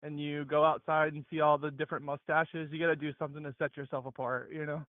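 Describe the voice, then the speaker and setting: A man calls in, and his voice comes through a tinny speakerphone line that sounds dry and close. He is in his late twenties, from Mississippi, and tells a rambling story as he walks. He sits a little high for a man, stumbling and restarting as he goes. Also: flat delivery, no echo. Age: late 20s. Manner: halting, many restarts and fillers. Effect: heard over a phone speaker. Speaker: caller telling a story. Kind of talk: rambling storytelling while walking.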